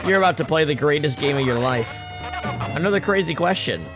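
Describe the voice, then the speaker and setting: Casting: man playing a showy, excitable game show host for a video game, booming prize-announcer delivery over music. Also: a little fast, lightly acted. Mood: showy, excited.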